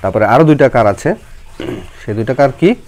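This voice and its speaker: A woman teaches a children's lesson. Her pitch rises and falls a great deal as she coaxes and explains patiently, one step at a time. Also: expressive, a little fast, a little mellow. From Bangladesh.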